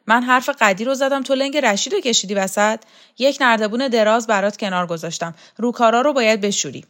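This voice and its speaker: A woman's voice: fairly high pitch, fairly bright tone, voice pushed up, close to an everyday voice. A woman voicing a bossy older servant woman who mocks and barks orders at a girl in an audiobook. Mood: scolding. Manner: harsh, mocking, barking orders.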